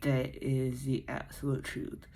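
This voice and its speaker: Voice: medium pitch, completely flat delivery, unhurried, creaky, warm tone. An American vlogger chatting casually and expressively to viewers with folksy phrasing, mouth movement limited by a sore jaw after surgery. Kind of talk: casual chatty recovery vlog.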